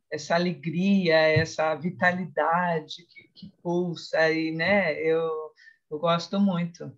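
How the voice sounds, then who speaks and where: A woman moderating an academic session over a video call. She speaks softly and lets her sentences trail off. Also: lowish voice, highs cut off.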